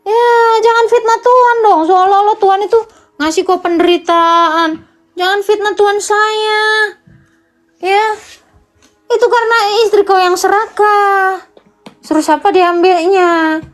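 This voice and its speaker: Woman, very high voice, blunt, scolding, preachy live talk, faint background music. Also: a little slow. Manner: scolding, blunt, addresses listeners as Pak and kau. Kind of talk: live-stream preaching and debate.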